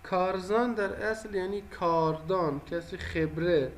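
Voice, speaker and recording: A man's voice: high voice, slight background noise. A man teaching a language lesson, patiently repeating and explaining each phrase.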